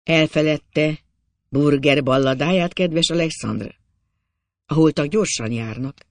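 A man playing a grave, sorrowful gentleman. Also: on the high side, no echo, close to an everyday voice. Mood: solemn. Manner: quiet, measured and solemn. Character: calm, sorrowful young gentleman, grave and mysterious. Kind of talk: audiobook character voice.

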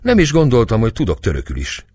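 A man's voice: mid-range voice, huge pitch swings, mellow, slightly rough, dry recording, pitched above the performer's own voice. A man voicing a playful, spirited young noblewoman, a new bride, in a dry audiobook recording. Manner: eager, playful, defiant.

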